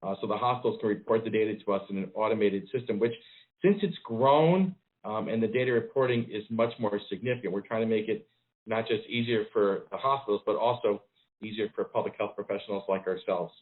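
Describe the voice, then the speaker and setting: A man, a public health official giving a briefing over a conference call phone line, measured and pausing with frequent ums. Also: fairly low pitch. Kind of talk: press briefing.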